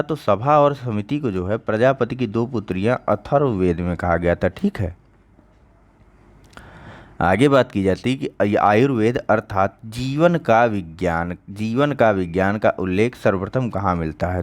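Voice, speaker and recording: A man teaching an online exam-prep lecture, talking conversationally, repeating key answers and checking in with his students. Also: on the low side.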